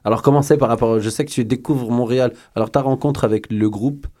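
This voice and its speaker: A man's voice: mid-range voice, fairly even intonation, fast, dark tone. A man hosting a podcast, full of teasing jokes. His talk is loose and casual, and he pokes fun at the guests around the table. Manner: teasing, playful, jokes often. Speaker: podcast host. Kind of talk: casual joking chat.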